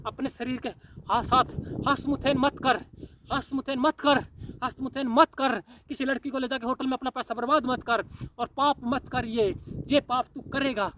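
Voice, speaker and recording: A man's voice: very high-pitched, recorded from a distance, noisy background. A man preaching a fiery, repetitive sermon, exhorting listeners and breaking into tongues. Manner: exhorting, repetitive, shifts into loud pleading.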